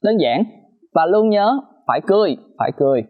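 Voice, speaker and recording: A man teaching a pronunciation lesson, repeating sounds slowly and emphatically to demonstrate them. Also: sits high, animated, narrow, tinny audio.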